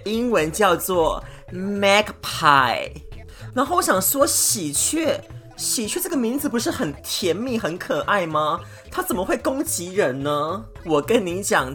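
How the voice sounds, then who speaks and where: A woman's voice: lowish voice, a bit bright. A woman hosting a solo podcast, chatting to her listeners and stretching out little filler particles. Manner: chatty, many drawn-out filler particles, addresses listeners directly. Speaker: podcast host.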